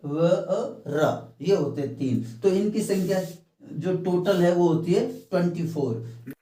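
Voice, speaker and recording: A man teaching a phonetics lesson, explaining each point slowly and step by step, slipping English terms into his talk. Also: high voice, dark tone, recorded from a distance. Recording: echoey room, mic set back.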